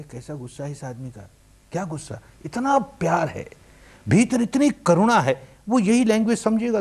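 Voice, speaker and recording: A man giving a spoken meditation discourse in an earnest preaching manner, with rhetorical questions and swings between loud emphasis and quiet softness. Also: a little high. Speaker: meditation teacher. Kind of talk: dharma discourse.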